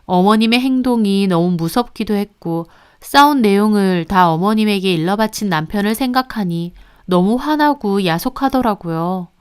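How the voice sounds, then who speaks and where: A woman's voice: medium pitch, normal speed, smooth. A woman telling a personal story in first person, in a confiding way. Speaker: story narrator. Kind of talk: storytelling narration.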